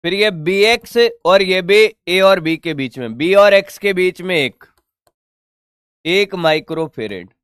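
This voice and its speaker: A man's voice: high voice, slow pace, fairly bright tone, clear, resonant tone, dry recording, studio quality. A man teaching a physics lesson in a chatty, teasing way, working through circuit problems and answering his own students' questions. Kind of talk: online physics lesson at a board.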